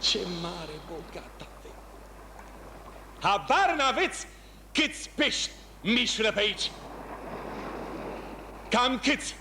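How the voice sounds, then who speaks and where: An actor playing a lonely fisherman who talks to himself, musing aloud and breaking into long calls. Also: high-pitched. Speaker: actor in a one-man stage play. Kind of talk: theatrical monologue. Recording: noisy ambient background.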